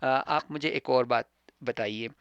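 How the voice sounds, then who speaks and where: Here a Pakistani teacher from Khyber Pakhtunkhwa talks through English grammar casually, speaking extremely slowly and circling back over the same words repeatedly. The voice is medium in pitch, rough and creaky. It's a lo-fi, dry, close recording with no echo or room sound.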